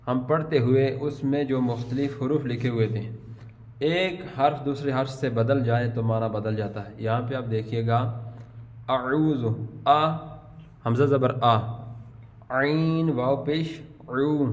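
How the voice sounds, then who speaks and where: A man teaching Quran recitation in a patient way, spelling out words slowly, syllable by syllable. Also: mid-range voice. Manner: patient, drawn-out syllable-by-syllable drilling. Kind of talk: tajweed lesson, spelling out words. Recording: long hall reverb.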